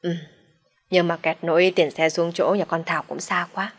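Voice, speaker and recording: Người phụ nữ đọc bà mẹ than nghèo, ngập ngừng. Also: female voice, lowish voice, steady tone, normal speed, husky. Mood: evasive. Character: evasive middle-aged mother, complaining.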